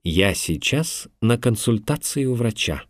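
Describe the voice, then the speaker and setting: A man narrating a language lesson in a measured, instructive way, recorded on a close studio mic. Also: mid-range voice, lively intonation, no room sound.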